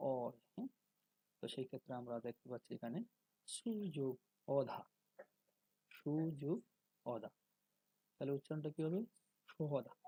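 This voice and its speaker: A man giving a spoken lesson on pronunciation, slow and deliberate, drawing out syllables to demonstrate them. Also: mid-range voice, dark tone, slightly rough, no echo, rough recording. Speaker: religious teacher.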